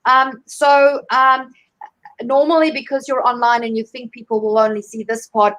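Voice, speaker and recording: A woman with a South African accent coaches job seekers over a video call, her voice a touch higher than most. She talks in a chatty way and often restarts her sentences with fillers. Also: level tone, normal speed, fairly bright tone, low-quality recording. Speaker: career coach guest. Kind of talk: live online interview.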